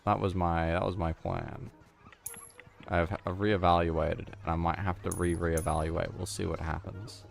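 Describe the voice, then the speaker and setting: A man's voice: low-pitched, level tone, unhurried, vocal fry. A man giving casual, mumbling commentary while playing a video game, with self-deprecating asides. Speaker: gamer.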